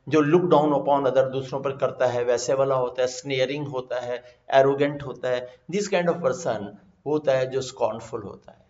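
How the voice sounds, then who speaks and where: A man with an Indian accent teaching vocabulary over slides, mixing Hindi and English and slowly repeating his explanations. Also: medium pitch, a little mellow. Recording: echoey, slightly dull recording.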